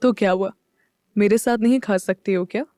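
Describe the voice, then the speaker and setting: A woman's voice: medium pitch, steady tone, a little slow, mellow, dry recording, studio quality, close to an everyday voice. A woman reading the lines of a young husband in an audio story, teasing and affectionate.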